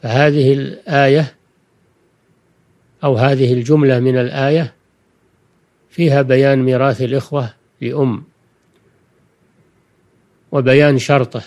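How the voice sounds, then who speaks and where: A man's voice: mid-range voice, level tone, darkish tone. Older man lecturing in formal Standard Arabic. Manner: deliberate, didactic, repeats key phrases. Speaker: religious scholar giving a recorded lesson. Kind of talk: Quranic exegesis lecture for listeners.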